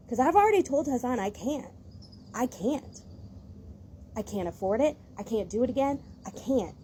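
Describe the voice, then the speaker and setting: A woman's voice: fairly high pitch, dark tone, slight background noise. Exasperated, rambling woman venting. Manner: rambling and exasperated, with many restarts. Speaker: vlogger. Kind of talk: casual rant to camera.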